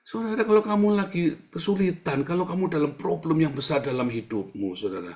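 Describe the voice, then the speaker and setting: A male pastor preaching in a colloquial, teasing manner, jumping between loud bursts and hushed asides. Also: a little high, brisk. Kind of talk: sermon.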